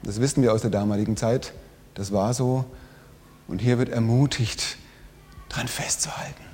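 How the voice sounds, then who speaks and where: A man preaching a sermon, swinging from loud emphatic lines down to hushed whispers. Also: lowish voice, fairly even intonation, moderate pace. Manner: dynamic, drops to whispers for emphasis. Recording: long hall reverb.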